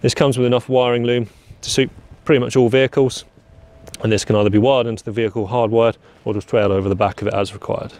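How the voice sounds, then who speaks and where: A man's voice: medium pitch, fairly even intonation, quick pace, a little mellow, slight background noise. A young man giving a plain, practical walkaround of a farm machine outdoors on a lawn, often repeating "very, very". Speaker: product presenter. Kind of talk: product walkaround demo.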